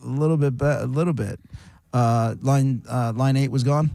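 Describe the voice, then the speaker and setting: Gravelly radio host running callers. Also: male voice, medium pitch, steady tone, mellow, dry recording. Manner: brisk, teasing, runs the callers. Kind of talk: casual call-in radio banter.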